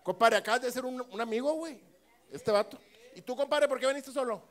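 On a small comedy club stage with a live audience, a middle-aged man with a Mexican Spanish accent does crowd work into a handheld mic. His voice sits high and moves fairly quickly, and his brash, teasing tone is full of swearing and sudden loud shouts.

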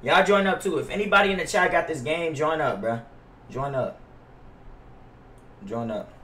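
Streaming a game from a small indoor gaming setup, this young adult American man talks to his viewers in loose slang, heavy with swearing and repeated phrases. His voice sits on the high side, bright and forceful, at a moderate pace. Picked up by a gaming headset, the audio sounds roomy and distant, with faint noise and clicking keys.

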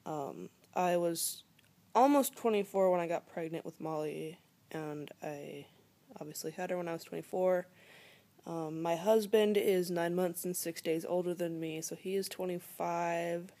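A woman in her twenties vlogs casually to a close-held phone or laptop camera in her living room. Her voice is low, unhurried and dark, and she rambles with lots of fillers, sometimes dropping to a whisper.

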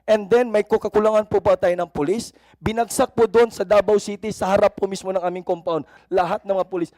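High-voiced man giving impassioned testimony. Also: steady tone, a little fast, a little mellow, dry recording. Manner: impassioned and pleading, very polite. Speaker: church minister testifying at a hearing. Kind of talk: formal testimony at a legislative hearing.

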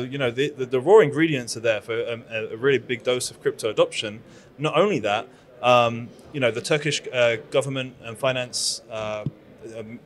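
A Londoner in his thirties, a conference founder who also owns a PR agency, talks eagerly into a handheld mic at a conference booth, his British-accented voice medium-pitched and a bit bright. He's chatty and enthusiastic in the interview, full of fillers and restarts.

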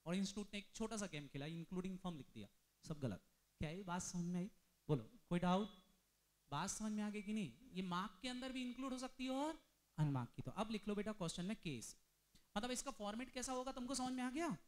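A male commerce teacher lecturing a class, mixing Hindi with English terms and firing quick questions at students. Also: high voice, expressive. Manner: drills students with rapid questions.

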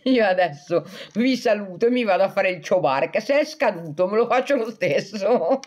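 A woman with a mid-range, slightly mellow voice hosts a casual livestream at a moderate pace, sounding animated over lo-fi audio. She jokes around with viewers, reading their comments aloud and answering them, and often breaks into laughter.

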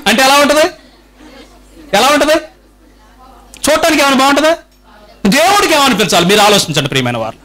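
Male preacher, very high and bright tone, emphatic, question-driven sermon delivery. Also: poor audio. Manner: rhetorical questions to the congregation; animated, emphatic repetition.

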